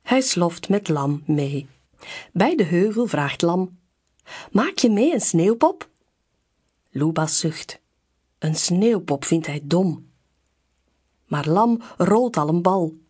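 A woman reading a children's picture book aloud in a slow, clear storybook delivery. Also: fairly low pitch, lively intonation, a little mellow.

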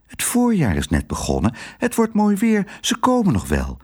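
Storybook: a man doing a no-nonsense hotel wife, raised husky voice, very lively. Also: high voice, moderate pace, voice pushed up, exaggerated voice. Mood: reassuring. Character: practical middle-aged wife running a hotel.

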